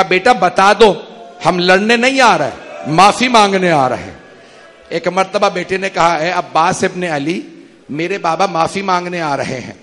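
A man preaching at a mourning gathering, telling a lament story in a fervent, declamatory sermon. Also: high voice. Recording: long hall reverb.

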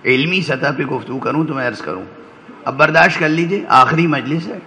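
Here a man with a high-leaning, pushed and bright voice and lively intonation lectures a gathering on religion. As a scholar addressing a majlis, he moves through his points step by step, tossing in brief rhetorical questions to keep listeners with him. Audio is poor and carries a little background noise.

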